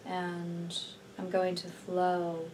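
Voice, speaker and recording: The recording is a bit distant and carries faint noise, as an energy healer and meditation guide leads a healing meditation. Her lowish voice is mellow and relaxed, and she talks slowly and soothingly, pausing at length between carefully placed phrases.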